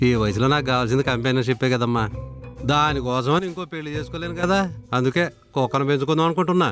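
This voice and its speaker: Guy playing a cocky old landlord, bright crisp voice, talks quick. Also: mid-range voice, soft background music, lightly acted. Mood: boastful. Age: older. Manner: boastful, teasing. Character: vain elderly landlord, widower.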